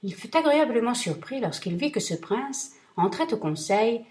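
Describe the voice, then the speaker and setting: A woman narrating a classic tale in a steady, measured reading voice. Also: on the high side. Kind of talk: storybook reading.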